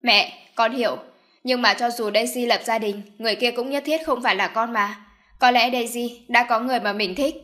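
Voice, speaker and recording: An indignant young man arguing hard against his mother, as a woman narrator reads him. The voice stays fairly high and agitated throughout this audiobook scene. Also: normal speed, fairly bright tone, natural voice. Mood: protesting. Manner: protesting, agitated. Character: indignant young adult son. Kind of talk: audiobook character voice.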